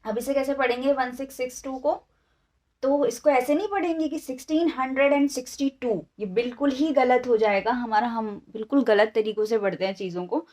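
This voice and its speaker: Woman, teacher, online lesson, fairly high voice, Hindi mixed with English, patient, repeats examples. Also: brisk, a little mellow. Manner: patient, repeats examples, asks rhetorical questions; mixes Hindi and English words. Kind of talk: online lesson explaining year reading.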